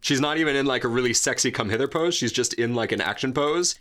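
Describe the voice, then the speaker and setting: A man's voice: medium pitch, quick pace, fairly bright tone. A man co-hosting a podcast, chatting casually in a rambling, jokey way full of fillers and restarts. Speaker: podcast co-host. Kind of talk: casual chat.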